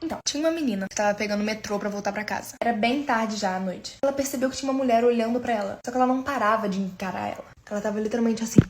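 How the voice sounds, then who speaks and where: A woman telling scary stories in a casual, hushed and suspenseful way. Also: on the high side, racing, hardly any pauses, a little hiss or hum. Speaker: storyteller.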